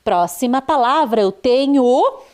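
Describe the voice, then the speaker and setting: A woman's voice: high-pitched, expressive, measured pace, a little mellow. A Brazilian woman teaching a primary school video lesson, drawing out words and stressing their sounds for young children. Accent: Brazilian Portuguese.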